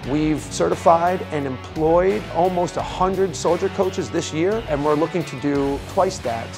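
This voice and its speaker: A man's voice: a little high, a little slow, gravelly, over music. A man who founded a veterans' coaching program, speaking earnestly and evenly in a documentary interview.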